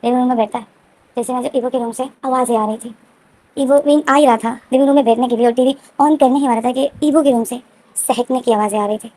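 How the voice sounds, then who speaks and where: A woman recapping a story in a casual, rambling way, circling back over the same points with many restarts. Her voice is high and quick, with a dark, mellow tone. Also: fairly even intonation, rough recording. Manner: repetitive, frequent restarts and fillers. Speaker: story explainer.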